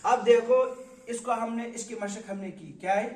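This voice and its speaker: A man with a high voice leads a Quran reading lesson, stretching out each letter sound and firing questions at his pupils. He sits some distance from the microphone in a room with a strong echo. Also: a little mellow. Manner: questioning, drawn-out recitation of letters. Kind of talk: classroom lesson. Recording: echoey room, mic far off.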